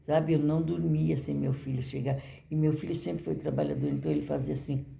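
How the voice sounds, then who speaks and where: A woman's voice: sits low, fairly even intonation, a little fast, creaky, warm tone, slight background noise. An older woman giving a personal testimony in church, talking conversationally to the congregation and often asking "you know?".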